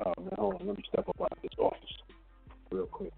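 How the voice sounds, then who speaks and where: A man's voice: high voice, sing-song, gravelly, breathy edge, faint music behind. Man on a muffled, underwater-sounding phone line. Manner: halting, filler-heavy, rambling. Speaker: caller. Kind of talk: call-in radio chat.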